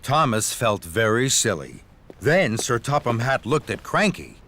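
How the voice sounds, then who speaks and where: A man narrates a scripted story for children in a deliberate, expressive storytelling style, his voice in the middle range. Music plays behind him.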